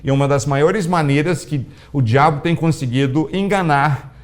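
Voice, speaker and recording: A man preaching a sermon as a pastor, telling a story with animated, acted-out dialogue. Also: moderate pace. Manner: animated storytelling, acting out dialogue with big pitch swings.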